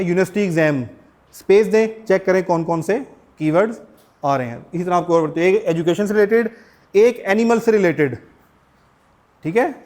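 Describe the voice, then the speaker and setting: High-voiced Pakistani man teaching a class. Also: darkish tone. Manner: explains step by step, asks the class questions. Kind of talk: classroom lecture.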